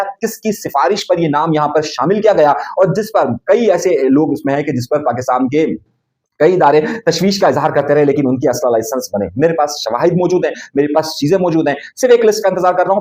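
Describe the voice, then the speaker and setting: Male news commentator, rapid emphatic delivery, raised pitch, leans on rhetorical questions. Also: a little mellow. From Pakistan. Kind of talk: political news commentary monologue.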